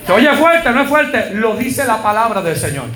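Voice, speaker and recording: A man preaching a fervent sermon as pastor, telling stories of congregants and building up to shouts. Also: very high voice, very animated, normal speed, reverberant, low-quality recording. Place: church.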